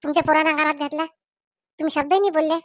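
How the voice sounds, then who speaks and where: A woman playing a loud, quarrelsome village woman, scolding and accusing. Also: sits high, steady tone, fast talker, no room sound. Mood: furious. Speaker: comic skit character.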